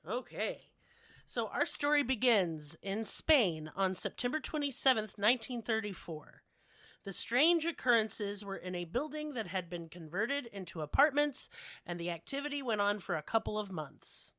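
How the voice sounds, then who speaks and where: A woman podcast host, sick with something cold-like, casually tells comedic stories full of profane, sardonic rants. Her medium-pitched voice is expressive and sharp at normal speed, recorded in clean studio sound without room echo.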